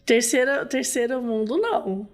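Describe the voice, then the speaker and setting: Brazilian woman host, gossipy and giggly, fairly high voice. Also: lively intonation, moderate pace. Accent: Brazilian Portuguese. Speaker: podcast host. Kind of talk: casual chat.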